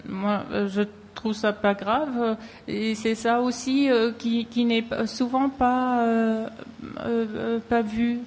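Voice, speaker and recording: Slow, halting woman in a reverberant hall. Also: on the high side, flat delivery, darkish tone. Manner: very halting, frequent long hesitations and broken phrases. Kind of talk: spontaneous public discussion. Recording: echoey hall with long reverb.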